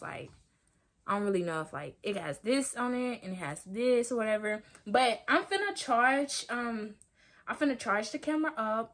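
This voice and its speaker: A woman vlogger talking to her viewers in a casual unboxing video, chatty and excitable. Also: medium pitch.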